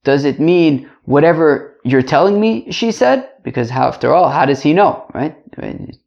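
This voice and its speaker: A man's voice: on the high side, expressive, moderate pace, creaky, darkish tone, highs cut off. A man teaching an informal religious lesson to a class, chatty, repeating phrases and checking in with rhetorical questions. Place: indoors.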